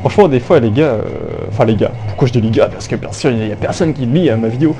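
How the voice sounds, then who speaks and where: A man's voice: medium pitch, animated, quick pace, mellow, slight background noise. A young man giving casual, jokey gameplay commentary through an old phone headset, rambling with many fillers and restarts. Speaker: gaming YouTuber.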